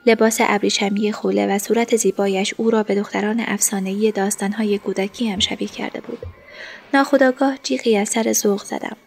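Woman narrator, first-person audiobook, soft and hushed. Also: medium pitch, fairly even intonation, creaky, slightly rough.

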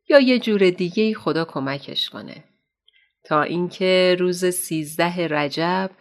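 An actress playing a kindly, motherly woman doctor who counsels young women, speaking gently and affectionately in a radio drama. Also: lowish voice, lightly acted. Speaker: counselor at an Islamic center.

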